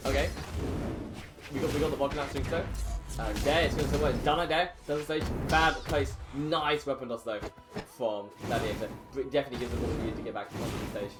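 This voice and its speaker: A tournament commentator gives play-by-play for a fighting game, sounding casual and hesitant and often repeating himself mid-phrase. His mid-range male voice is brisk with fairly even intonation, and game music plays behind him.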